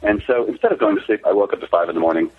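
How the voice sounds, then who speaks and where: Man, company founder guest, low voice, husky, candid rambling storyteller, tinny phone line. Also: rapid-fire. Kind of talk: casual interview storytelling.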